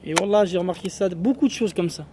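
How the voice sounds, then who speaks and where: A man's voice: high voice, fast, noisy background. A man teaching an Arabic class, explaining in French with Arabic phrases mixed in and often checking with "tu vois?".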